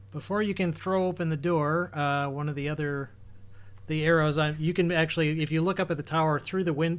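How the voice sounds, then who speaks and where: A man's voice: on the high side, slight background noise. A man acting as game master, describing scenes and rulings while thinking aloud. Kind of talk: running a tabletop game online.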